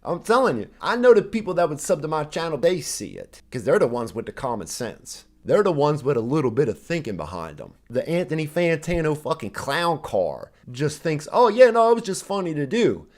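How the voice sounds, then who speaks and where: A man delivers an angry, profanity-laced reaction rant. His pitch swings widely as he argues back at a clip. He sounds like he is hosting his own commentary channel. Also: sing-song, normal speed, hardly any pauses, a little mellow. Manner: heated, profane, ranting. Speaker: reaction video host.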